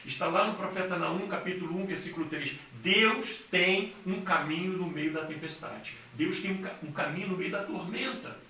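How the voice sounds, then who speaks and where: A pastor preaching with a bright, ringing, fairly high voice. His earnest storytelling slows for emphasis. He is heard from a distance in a very echoey church hall, with a faint hiss underneath. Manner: earnest storytelling, with emphatic slowing on key phrases. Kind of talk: sermon.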